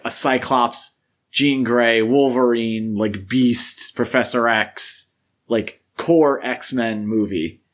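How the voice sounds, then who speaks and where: A podcast co-host with a mid-range, slightly bright male voice chats casually about films. He offers his opinions with emphasis throughout the discussion.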